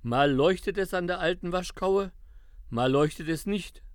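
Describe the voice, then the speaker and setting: A man's voice: sits high, measured pace, clear, resonant tone, no room sound, studio quality. A man voicing a grumbling, sleepy eagle owl who befriends children in a children's audio drama. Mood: grumpy.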